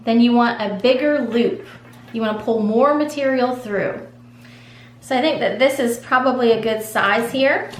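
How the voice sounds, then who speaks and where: A woman casually walking viewers through a craft project step by step, in a relaxed, reassuring way. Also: sits high. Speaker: craft tutorial host. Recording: echoey room with faint hum.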